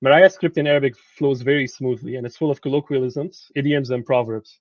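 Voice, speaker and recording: A man's voice: medium pitch, steady tone, quick pace, dry recording. Casual man lecturing, dry dull audio. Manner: conversational, repeats words while searching for them. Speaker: translator giving a presentation. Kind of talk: lecture to students.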